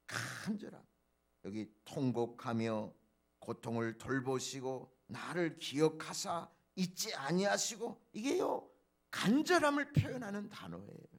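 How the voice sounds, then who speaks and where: A male pastor preaching a dawn prayer sermon, swinging from soft low asides to loud emphatic peaks and speaking straight to the congregation. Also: lively intonation, unhurried, creaky. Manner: preacherly, addresses congregation directly.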